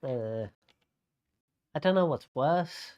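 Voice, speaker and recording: A bingo host calling a live game in a casual, unscripted way, with hesitant, halting delivery. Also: mid-range voice, expressive, darkish tone.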